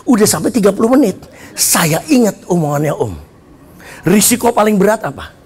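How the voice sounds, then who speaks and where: A middle-aged man preaching at a church service, his gravelly voice swinging widely in pitch. He tells a funny story and acts out the voices in it, sometimes breaking into shouts. His Indonesian delivery stays conversational and playful. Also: fairly quick. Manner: animated storytelling, acting out shouted dialogue. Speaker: pastor. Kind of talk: lively comedic sermon.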